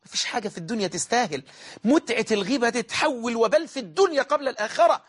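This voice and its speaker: Fast, high-voiced Egyptian preacher. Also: male voice, husky. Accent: Egyptian Arabic. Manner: emphatic, repeats phrases for stress. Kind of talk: religious sermon.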